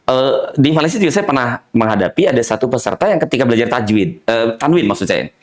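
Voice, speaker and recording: A man's voice: medium pitch, quick pace. A man, a Quran recitation teacher, telling teaching stories in a casual conversation and imitating his students' mispronunciations. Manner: animated, mimics students' mispronunciations, laughs often.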